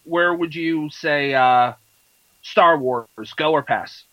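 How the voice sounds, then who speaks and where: A man's voice: fairly high pitch, slow pace, no echo, lo-fi sound. A man co-hosting a casual movie review podcast, easygoing and agreeable, often trailing off and restarting. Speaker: podcast co-host.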